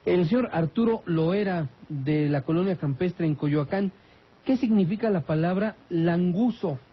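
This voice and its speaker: A high-pitched man with a Mexican accent hosts a radio call-in show and reads listener questions in a formal tone. His voice is husky, and the broadcast sounds dull and lo-fi. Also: unhurried. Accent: Mexican Spanish.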